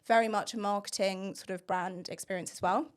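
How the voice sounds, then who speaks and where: A woman's voice: medium pitch, fairly even intonation, a little fast. A woman in her thirties from England, a podcast guest talking at length about her career and laughing often. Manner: talkative, laughs often, long-winded. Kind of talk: casual chat.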